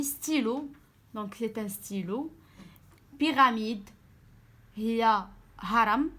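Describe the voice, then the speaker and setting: Brief: young Moroccan-accented female tutor, slightly high voice, slow careful dictation. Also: fairly bright tone. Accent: Moroccan Arabic. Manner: slow, drawn-out dictation of French words. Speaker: online tutor. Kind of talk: French lesson explained in Moroccan Arabic.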